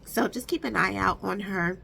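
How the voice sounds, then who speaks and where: A woman's voice: medium pitch, moderate pace, gravelly, sharp tone. A woman talking casually to viewers as a beauty vlogger, rambling and thinking aloud as she corrects herself. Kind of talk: casual makeup stash chat to viewers. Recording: audible background noise.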